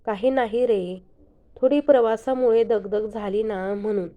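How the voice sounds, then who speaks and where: A woman reading the part of a tired, affectionate middle-aged mother in an audio story, gentle and clingy. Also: medium pitch, steady tone, measured pace, phone-quality sound, natural voice.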